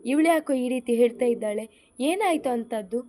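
A stern mother-in-law from a spoken family drama, grave and questioning, as a woman reads her lines. The voice is high for a woman. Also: moderate pace, mellow, lightly acted. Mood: worried.

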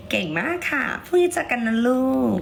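A woman with a hoarse, raspy voice chats casually on a livestream, her pitch swinging up and down as she coaxes viewers along. A faint hiss of noise sits under the recording. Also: very animated, a little fast. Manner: playful, chatty, coaxing viewers. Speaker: livestream seller.

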